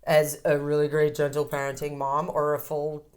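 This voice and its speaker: A woman's voice: low-pitched, normal speed. A woman in her thirties, a codependency counselor, talking candidly as an interview guest and swearing now and then. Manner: candid, animated, swears freely. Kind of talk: casual interview talk.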